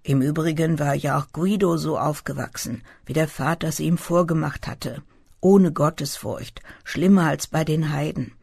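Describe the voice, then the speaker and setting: Gravelly, husky audiobook narrator. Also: mid-range voice, no room sound, clean studio sound. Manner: calm, measured storytelling. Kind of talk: scripted literary narration.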